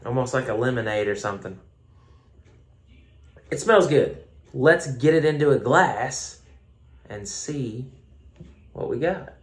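A man's voice: mid-range voice, expressive, takes it slowly, long pauses. Chatty Southern man reviewing beer. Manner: chatty, rambling, self-mocking. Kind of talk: casual review vlog. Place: home room. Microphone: phone camera.

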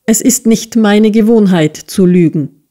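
Audiobook figure: composed young man, voiced by a woman reader, polite and firm, a bit higher than her narration. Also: measured pace, natural voice. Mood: calm firm. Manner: calm, polite, slightly offended. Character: young male assistant teacher, calm and proud. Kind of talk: audiobook character reading.

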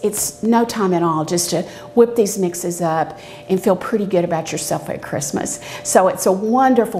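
Speaking in a lowish, darkish voice, a middle-aged extension educator hosts a casual cooking and craft show, explaining each step in a folksy, chatty manner. She's in a medium-sized indoor demonstration kitchen and wears a lapel mic, and the clear recording carries some background noise and clicks.

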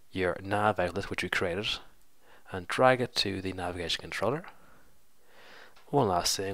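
A man's voice: sits low, sharp tone, no echo. A man with a stuffy cold, casually walking through a coding tutorial step by step and correcting himself as he goes. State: congested with a cold. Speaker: programming tutorial host. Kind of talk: screen-recorded coding tutorial.

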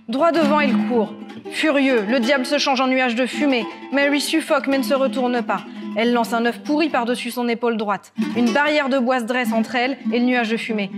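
Expressive woman storyteller over guitar. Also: fairly high pitch. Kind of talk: told folk tale with guitar. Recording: guitar music throughout.

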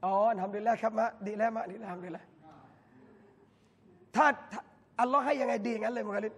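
A man, a religious lecturer, giving a lively talk at a mosque event and bantering with the audience through direct questions. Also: high voice, fast, husky. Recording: long hall reverb from a mosque.

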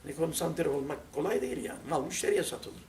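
A man's voice: on the high side, lively intonation, quick pace, a little mellow. An older man from Turkey teaching a religious lesson through humorous anecdotes, acting out the dialogues himself. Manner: humorous, acts out dialogues from his stories. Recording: roomy sound from a distant mic with faint noise.

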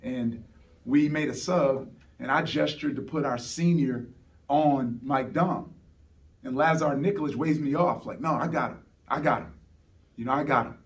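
Seated at a table in a press conference room, a head basketball coach gives earnest postgame answers at a normal speed, his voice medium-pitched. He keeps repeating words and starting over. The table mic on its stand sounds fairly distant.

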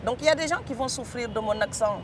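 A woman's voice: on the high side, fast talker, background noise. Senegalese woman author, rolling her R's. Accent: Senegalese French. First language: Serer. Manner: emphatic, rolled R, frequent hesitation fillers. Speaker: author guest. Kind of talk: studio interview.

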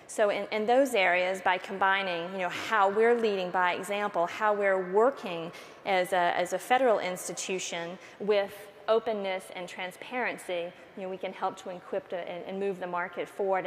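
A woman in her thirties speaks as a government panelist, her lowish voice running fluently with many fillers. A lapel mic picks up the long reverb of a large auditorium and a faint room hum. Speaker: federal official on a panel. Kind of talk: panel discussion.

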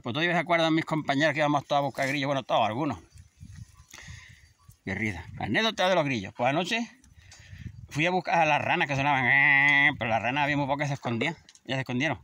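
Man in his 50s, chatty shepherd vlogger, bright lively voice, faint outdoor noise. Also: medium pitch. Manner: chatty, scolds animals between stories. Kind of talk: casual outdoor vlog. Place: outdoors in a field.

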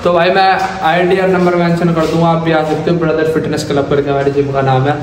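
A man's voice: a little high, level tone, echoey room, a little hiss or hum, rough recording. A man doing a casual gym vlog, chatting with viewers and coaching his friend through chest exercises. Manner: coaching a friend through lifts with quick urging calls. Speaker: vlogger. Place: small indoor gym.

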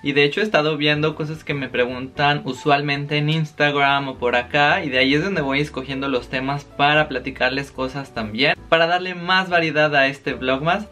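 A man's voice: on the high side, normal speed, hardly any pauses. A young Mexican man with a Mexican accent, chatting casually to his vlog viewers and telling stories. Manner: chatty, animated storytelling with quoted exchanges. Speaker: vlogger. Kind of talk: casual chat. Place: home, living in Paris.

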